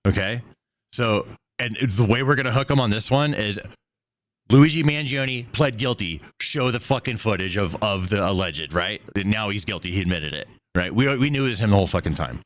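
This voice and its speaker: On a casual live stream, a man with a lowish, expressive voice bosses an editor around bluntly, swearing as he goes and stretching out his S sounds. The audio has no echo.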